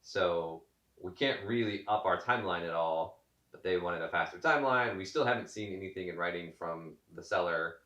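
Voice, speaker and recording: A man vlogging casually at home, explaining things in a measured, matter-of-fact way. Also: low-pitched, sharp tone, dull audio. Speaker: vlogger, co-host of a sailing channel. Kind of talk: casual chat to camera. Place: at home in a house. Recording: echoey room, distant mic, faint music.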